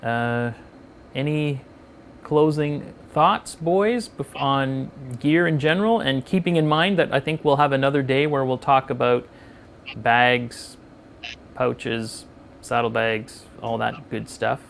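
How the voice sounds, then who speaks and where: A man's voice: mid-range voice, slow, gravelly, a little hiss or hum. A man hosting a casual live-streamed chat, easygoing as he reads out viewer questions and answers them. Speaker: host of a live motorcycle chat show.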